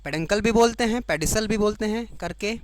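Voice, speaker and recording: A woman teaching biology to exam students, repeating each key term slowly and checking that the class follows. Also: medium pitch, dry recording. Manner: explains in Hindi, giving the English term for each.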